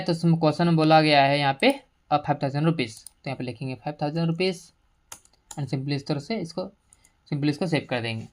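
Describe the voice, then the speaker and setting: A woman with a low voice teaches a screen-recorded computer lesson. She explains each entry patiently and in order, mixing in English terms as she goes, and clicks can be heard as she works. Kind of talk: screen-recorded software tutorial.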